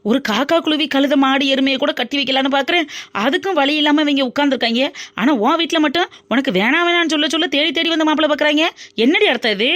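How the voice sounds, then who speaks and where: A woman's voice: high voice, quick pace, a bit bright. A woman voicing Muthu, a young woman's playful, dramatic best friend in a cartoon. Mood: teasing. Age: young adult. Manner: teasing, dramatic and chatty. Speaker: cartoon character. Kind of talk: cartoon voice acting.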